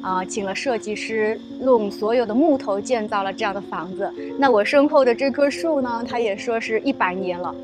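Speaking at a moderate pace with hardly any pauses, a woman in her thirties from Shanghai, China, chats cheerfully to viewers in Shanghai Mandarin-accented speech, her pitch fairly high. The travel vlogger is in a mostly outdoor garden and wooden café, miked with a small clip-on on her shirt, with soft music beneath.

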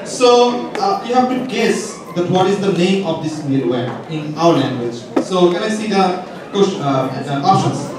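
A man's voice: sits high, expressive, moderate pace. A young man hosting a live quiz as a game show host, calling up contestants from the stage. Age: young adult. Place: large indoor auditorium stage. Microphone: handheld microphone through PA, recorded by audience camera. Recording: echoey hall from far off, crowd noise.

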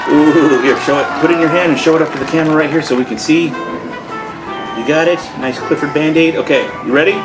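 A man's voice: a little high, steady tone, quick pace, loud music behind the voice, poor audio. A man in his thirties hosting a casual, playful challenge game, bantering at a table indoors. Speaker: game show host. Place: indoor room at a table, seated.

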